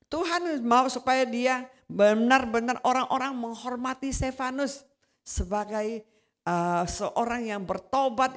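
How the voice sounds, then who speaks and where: A woman preaching a sermon, telling a personal testimony in a conversational way that grows animated when she retells quarrels. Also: on the high side.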